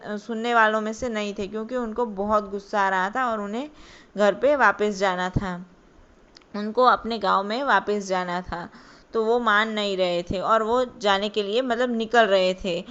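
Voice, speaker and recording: A woman's voice: medium pitch, fairly even intonation, moderate pace, fairly bright tone, smooth. A woman telling a love story in a casual spoken way, loose and full of fillers. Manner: loose, with many fillers and restarts. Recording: dull lo-fi recording.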